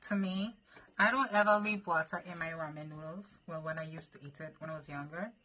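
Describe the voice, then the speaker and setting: Young woman, vlogger, chatty, lowish voice, noisy home recording. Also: steady tone, brisk. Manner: chatty, addresses viewers as y'all. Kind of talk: casual food-challenge vlog.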